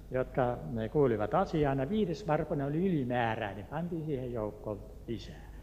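Telling his own faith story with earnest hesitations and acted-out quotes, an older man from Turku, Finland, speaks in a warm, mid-range voice. The sound is roomy, like a big space, with the highs cut off and slight background noise.

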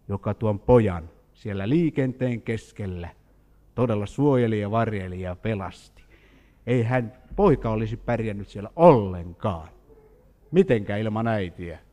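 Man preaching, animated storytelling, lively up-and-down voice, echoing hall. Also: lowish voice. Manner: animated storytelling with questions to the congregation. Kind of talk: sermon. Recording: hall reverb.

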